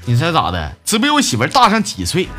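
A man's voice: fairly high pitch, wildly swooping pitch, fast talker, over music. A man hosting a comedy show, reading listener messages aloud and joking with laughs at his own punchlines. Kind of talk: comic radio-style monologue.

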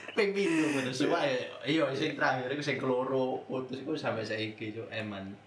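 A man's voice: mid-range voice, moderate pace, noisy background. A young man from Lampung, casually telling a story as a guest, swearing often and laughing through it. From Lampung, Indonesia. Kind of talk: casual chat. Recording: roomy echo.

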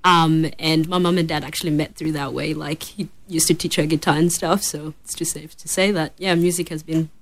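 A woman's voice: low voice, steady tone, brisk, few pauses. A young woman from Tanzania, a musician guest in a studio, chatting casually with plenty of ums and laughs. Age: young adult. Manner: chatty, giggly, lots of ums and likes. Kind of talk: casual chat. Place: radio studio.

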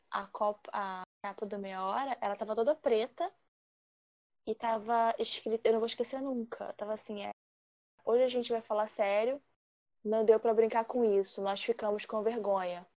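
A woman from Rio de Janeiro, telling a personal story in a lively, animated way and acting out the quotes. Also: medium pitch, no room sound, highs cut off. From Rio de Janeiro, Brazil. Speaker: guest storyteller.

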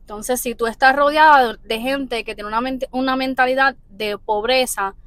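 A woman hosts a relaxed podcast conversation, her voice bright and somewhat high. She tells stories excitably, and the recording is close and dry. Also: moderate pace, dry recording. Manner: lively, excitable storyteller. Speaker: podcast host. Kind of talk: casual podcast chat.

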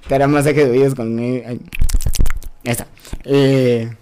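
A man's voice: mid-range voice, little pitch movement, unhurried, warm tone, smooth. A young Mexican man hosting a casual, crude live podcast close to the mic, joking and laughing often. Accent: Mexican Spanish. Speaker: podcast host. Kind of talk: casual live-stream chat.

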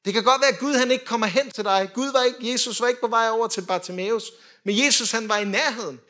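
A young man preaching a sermon in a lively way, swinging from loud calls to quiet drops. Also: very high-pitched.

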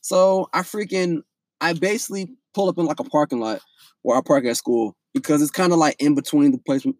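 A young man telling a story in a casual, profane, animated way, full of restarts. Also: fairly high pitch, fairly quick, dry recording.

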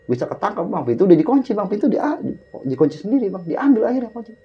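A high-pitched, mellow male voice moves quickly with big pitch swings. He's a guest telling a host a vivid, dramatic personal story in a casual way, calling him "Bang" again and again, in dull lo-fi audio with faint music.

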